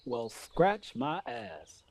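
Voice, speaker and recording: An actor playing a brash, cocky ex-cop in a dubbed eighties horror film. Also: male voice, sits high, huge pitch swings, extremely slow, vocal fry, crowd noise, full character voice.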